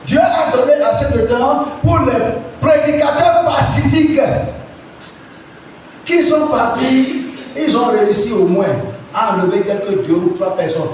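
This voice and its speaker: High-voiced man preaching in echoey hall. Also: unhurried, slight background noise. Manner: emphatic, alternates shouting with quiet asides; asks the congregation questions. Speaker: pastor. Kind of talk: preaching sermon. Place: church hall before a congregation. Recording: very echoey church hall, voice from far off the mic.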